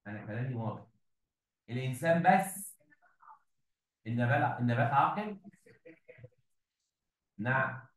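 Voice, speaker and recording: This English revision lesson is led by an Egyptian-Arabic-accented man whose medium-pitched, fairly bright voice has lively intonation and a moderate pace with frequent pauses. He patiently coaxes the class and repeats the main points, heard from afar in an echoey room.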